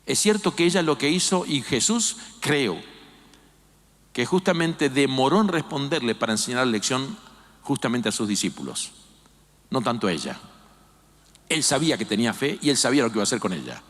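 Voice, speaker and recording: An older man preaching a sermon as a pastor, animated and acting out quoted voices. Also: medium pitch, brisk. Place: church. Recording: long hall reverb.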